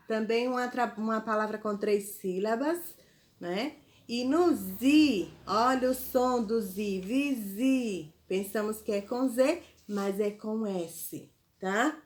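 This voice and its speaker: A woman teacher, giving a spelling lesson to children slowly and patiently, spelling out syllables. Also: medium pitch. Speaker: primary school teacher.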